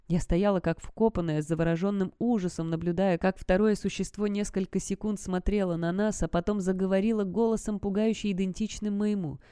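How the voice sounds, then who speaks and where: A woman's voice: medium pitch, dark tone, clear, resonant tone, no room sound, studio quality. A woman narrating a first-person audiobook in a tense, suspenseful storytelling manner.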